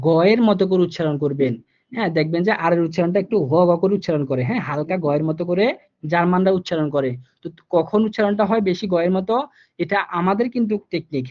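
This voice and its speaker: A man's voice: on the high side, a little mellow, muffled recording. A man teaching German in during a live online class, explaining step by step and repeating himself with many fillers.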